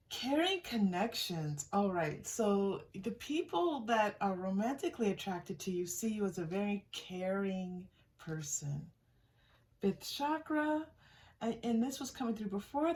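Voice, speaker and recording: Picked up by a distant mic with faint noise, a woman hosts a relaxed, improvised tarot reading. Her voice is medium-pitched and a little mellow, and she addresses the listener in an encouraging, conversational tone.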